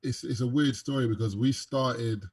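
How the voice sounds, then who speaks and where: A man's voice: mid-range voice, fairly even intonation, moderate pace, a little mellow. A young man with a London accent, a podcast guest chatting casually and joking with plenty of fillers. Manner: laid-back, joking, lots of fillers. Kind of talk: casual interview chat.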